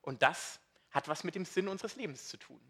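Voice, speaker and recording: A man preaching a sermon in a lively, conversational way, asking his congregation questions. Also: high voice, a little fast.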